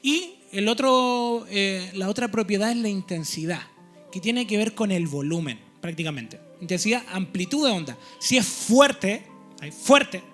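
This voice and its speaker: A man's voice: high-pitched, lively intonation, normal speed, a bit bright, faint music behind. A man preaching a teaching sermon in a church. He explains step by step and keeps checking in with his listeners.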